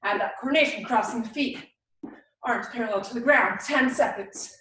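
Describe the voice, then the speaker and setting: A woman's voice: fairly high pitch, moderate pace, fairly bright tone, a little hiss or hum. A woman fitness instructor coaching a live workout in short, encouraging cues and countdowns. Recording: very echoey room, distant mic.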